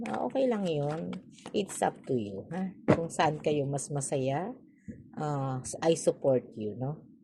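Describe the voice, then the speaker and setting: A woman's voice: sits low, noisy background. A woman with a Filipino accent giving a casual tarot reading, chatty, with frequent tag questions and sarcastic asides. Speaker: tarot reader.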